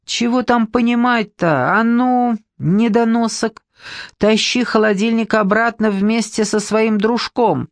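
Reader voicing a bossy brunette woman, loud, mocking, scolding, audiobook character. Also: medium pitch, unhurried, dry recording, pitched above the performer's own voice, lightly acted. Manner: mocking, domineering. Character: loud, sharp-tongued stout brunette woman.

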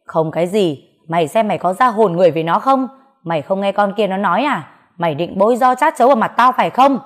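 A woman voicing an angry middle-aged father who scolds his grown daughter loudly, in a storybook reading. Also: medium pitch, expressive, fast talker, close to an everyday voice. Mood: furious. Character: furious middle-aged father, harsh and shouting.

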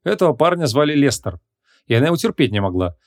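A man narrating an audiobook in an even, measured reading voice. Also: medium pitch, no room sound, clean studio sound.

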